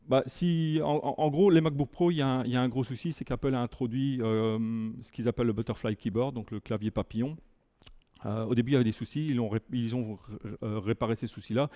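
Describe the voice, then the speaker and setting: Belgian man, border accent, mellow mid-pitched voice, halting presenter with self-deprecating asides. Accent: Belgian French, from near the French border by Lille. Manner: hesitant, many fillers and restarts, self-deprecating asides. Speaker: conference speaker. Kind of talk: tech talk to a live audience. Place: meeting room with an audience.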